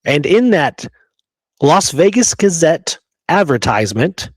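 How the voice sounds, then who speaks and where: With a fairly high voice full of big pitch swings, a male co-host speaks slowly and emphatically in a casual podcast discussion, with no echo. He frequently checks in using short rhetorical questions like "right?" and "okay?".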